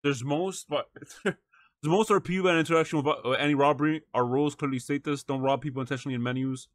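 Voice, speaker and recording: Here the voice is medium-pitched and a bit bright, with no room sound. A live streamer reacts to a video and speaks to his viewers casually and with slang, reading things aloud close to the mic and repeatedly using "bro" and "chat."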